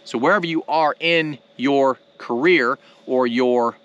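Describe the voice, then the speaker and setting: A man in his thirties hosting a fishing channel, explaining gear to the camera in a casual, energetic, plain-spoken way from a boat on a lake. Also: medium pitch, a little slow, muffled recording. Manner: energetic, plain-spoken, lots of "right?" and "okay?". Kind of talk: casual instructional talk to camera. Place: outdoors on a boat on a lake at sunset. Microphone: camera in front at close range.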